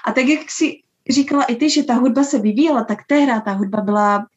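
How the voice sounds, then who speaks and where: Dance teacher, woman, mid-pitched, measured and thoughtful, on a dull lo-fi recording. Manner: unhurried, thoughtful, frequent filler sounds. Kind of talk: interview answers. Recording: dull lo-fi sound.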